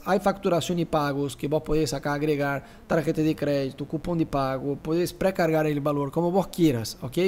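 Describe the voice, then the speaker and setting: A Rioplatense-accented man sits at his screen and walks viewers through a live online class, his voice riding fairly high. He teases his listeners and throws in rhetorical asides as he explains each step. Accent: Rioplatense Spanish. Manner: animated, teasing, rhetorical asides. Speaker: pastor teaching church advertising.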